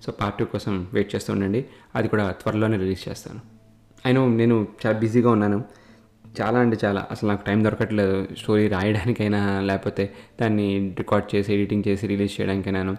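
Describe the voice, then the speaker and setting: A man's voice: lowish voice, a little mellow. A man narrating a spoken story in a chatty manner, speaking straight to his listeners, recorded in an echoey room with faint guitar music.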